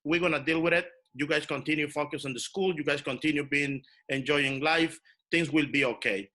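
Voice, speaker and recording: A man from El Salvador, a community organizer, telling his own story in an animated way on a video call. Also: on the high side, a little fast. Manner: animated, personal storytelling with fillers. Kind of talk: online workshop talk.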